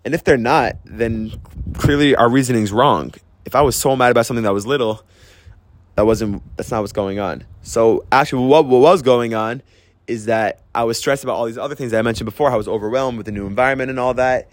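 A young man talks in an earnest, storytelling way, often stopping to restart a phrase. His voice sits at an everyday middle pitch. The sound is close and dry, with no room echo. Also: brisk. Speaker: host sharing personal advice. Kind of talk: reflective personal talk.

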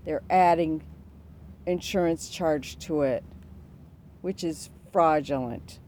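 A woman's voice: low-pitched, takes it slowly, a little mellow, a little hiss or hum. A woman customer speaking firmly and indignantly in a complaint call, insisting on her point. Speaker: customer calling to dispute a charge. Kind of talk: phone complaint conversation.

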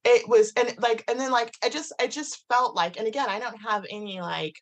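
A woman guest telling a personal story in casual conversation, animated, full of "like" and restarts, acting out what people said. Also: on the high side, moderate pace. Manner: animated, many "like"s and restarts, acts out quotes.

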